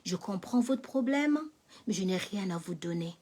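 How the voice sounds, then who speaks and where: A woman's voice: mid-range voice, lively intonation, normal speed, a little mellow, breathy edge, voice pushed down. Woman doing a weary, dismissive male clerk.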